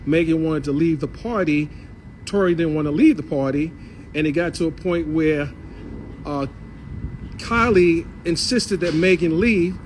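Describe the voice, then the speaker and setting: A man's voice: fairly high pitch, unhurried, a little hiss or hum. A man giving a casual spoken report on a trial, hesitant and correcting himself.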